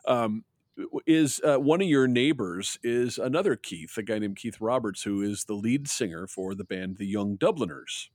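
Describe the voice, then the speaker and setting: A man's voice: fairly low pitch, expressive, normal speed, darkish tone, no echo. A man hosting a podcast outdoors, chatting casually into a close microphone with lots of laughing and restarts. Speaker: podcast host. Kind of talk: casual chat. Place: outdoors, with jets passing over.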